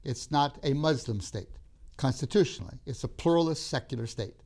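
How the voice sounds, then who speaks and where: An older man who grew up in Tanzania gives a recorded seminary lecture, speaking in measured, emphatic phrases with pauses, "uh"s and restarts. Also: medium pitch, lively intonation, darkish tone.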